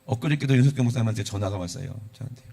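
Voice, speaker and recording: A man's voice: mid-range voice, rapid-fire, warm tone. A middle-aged male pastor, preaching conversationally with rhetorical questions. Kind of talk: sermon.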